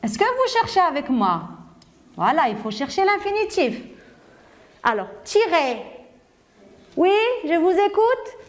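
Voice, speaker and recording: A woman's voice: very high-pitched, sing-song, unhurried, pauses often. A woman from Morocco with a Moroccan accent, teaching a primary grammar lesson, asking pupils questions and praising their answers.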